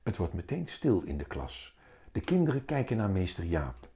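A man reading a children's story aloud in an expressive, unhurried way. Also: low voice.

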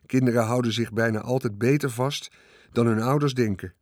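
The narrator, a man, reads a children's tale a little fast, with expressive shifts in pitch as the action unfolds. Clean studio sound, no echo.

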